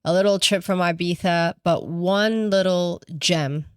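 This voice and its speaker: A woman's voice: on the low side, fairly even intonation, a little slow, clean tone, no room sound, studio quality. A woman co-hosting a podcast in casual travel chat, chatty and laughing often, trailing off mid-sentence. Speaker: podcast co-host.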